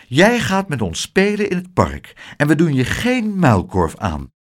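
A man voicing an excited little boy who shouts in alarm, in a storybook reading. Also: a little high, a little slow, full character voice. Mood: coaxing.

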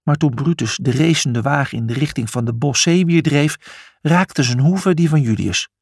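A man's voice: a little high, moderate pace, gravelly, a little mellow, slightly rough, no room sound, clean studio sound. A man narrating a children's adventure story, reading expressively.

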